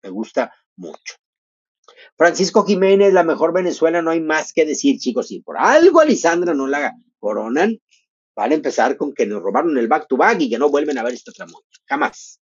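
A man's voice: fairly high pitch, very animated, moderate pace, breathy edge. A man hosting a live stream, chatty and effusive as he reads out viewer comments. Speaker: livestream host. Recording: dull lo-fi stream audio.

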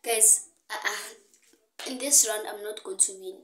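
An excitable, playful young woman with a South African accent, hosting a casual challenge vlog and exclaiming often. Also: medium pitch, takes it slowly. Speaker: challenge host. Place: small living room, indoors. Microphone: phone propped a short way off. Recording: echoey room, faint noise.

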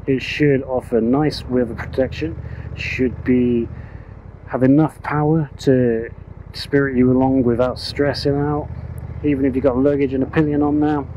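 A man's voice: mid-range voice, dark tone, muffled recording. Man chatting from a motorcycle helmet. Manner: casual, chatty, self-correcting. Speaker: motorcycle reviewer. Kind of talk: ride-along review talk. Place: on a motorcycle on country roads, outdoors. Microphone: helmet headset mic. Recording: road noise from a moving motorcycle. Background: road and vehicle noise.

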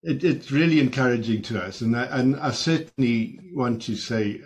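A man's voice: mid-range voice, normal speed. A man hosting a panel on a video call, stammering through restarts as he moderates. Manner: warm, stammering restarts, laughs. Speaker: host and moderator.

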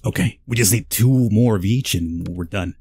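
A man's voice: lowish voice, normal speed, heavy background noise. A man hosting a horror game playthrough, chatting and rambling casually to his viewers. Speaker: gaming video host.

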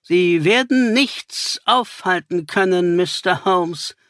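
A man's voice: high-pitched, takes it slowly, a bit bright, no room sound, clean studio sound, voice pushed up. A male narrator voicing a cold, cynical woman criminal and scientist in an audiobook, with a raised voice. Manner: hard, cynical.

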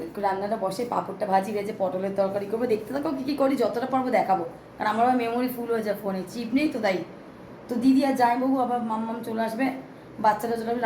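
A young woman with a hoarse throat, chatting to her viewers in a casual home vlog while filming on a handheld phone. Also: medium pitch, fairly even intonation, very fast, dark tone, slight background noise, rough recording. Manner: chatty, addresses viewers directly. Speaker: vlogger. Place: small home flat. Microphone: phone held in hand.

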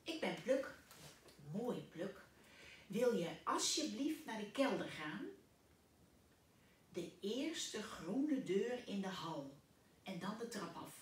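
A woman's voice: mid-range voice, very animated, takes it slowly, pauses often, slight background noise. A woman voicing a fussy little old man in a storybook, fretting and emphatic. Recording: echoey room, distant mic.

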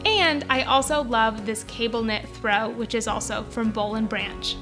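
A woman's voice: on the high side, measured pace, music in the background. A young woman chatting enthusiastically to her viewers in a lifestyle vlog, filmed in her bedroom. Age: young adult. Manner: bubbly, enthusiastic, addresses viewers as you guys. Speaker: lifestyle vlogger. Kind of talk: upbeat product vlog. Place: bright bedroom, indoors.

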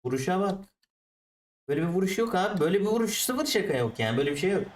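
A man commentating his own football video game match, ranting at the referee and the players, then calmly explaining his tactics. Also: high voice, very fast, echoey room, recorded from a distance. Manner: switches to calm explaining of tactics. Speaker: gaming YouTuber.

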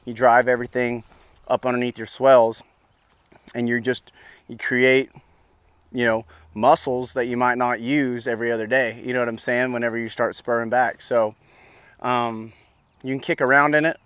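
A man in his thirties, medium-pitched, slightly bright and smooth, with no room sound, gives casual instruction to a new bronc rider at an outdoor ranch pen. He keeps it relaxed and often says "you know what I'm saying."

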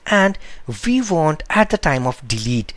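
A man talks through a programming lesson over his screen recording, working step by step and stopping to fix his own slips. His voice sits a little high and swings widely in pitch. The sound is close and dry, with no room around it. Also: big pitch swings, unhurried, fairly bright tone, no echo. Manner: explains step by step, correcting himself aloud; nonstandard English phrasing. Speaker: programming tutor.

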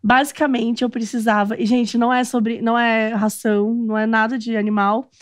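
A Brazilian woman telling a story in an animated podcast chat, laughing often. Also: on the high side, normal speed, no room sound. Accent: Brazilian Portuguese. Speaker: podcast panelist. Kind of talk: casual chat.

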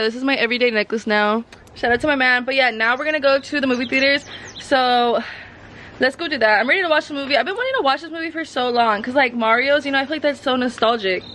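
Young woman vlogger, early twenties, high voice, excitable, slangy casual chat, faint background hiss. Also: low-quality recording.

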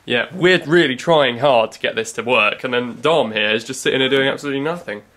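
A man's voice: medium pitch, fairly quick, a bit bright. A young man, a musician, chatting casually and hesitantly in a behind-the-scenes video. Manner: hesitant, many fillers, joking.

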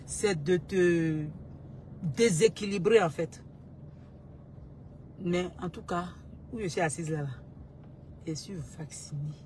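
A woman being interviewed as a guest artist, speaking in a calm, measured way, often hesitating and repeating words as she thinks. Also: lowish voice, slight background noise. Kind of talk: talk-show interview answer.

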